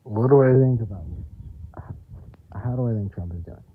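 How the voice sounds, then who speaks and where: A man's voice: medium pitch, moderate pace, husky. A man in his twenties calling into a livestream, his voice muffled as if heard through a wall, answering plainly with short rhetorical questions. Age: 20s. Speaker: livestream caller. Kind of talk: casual political debate. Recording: muffled call audio.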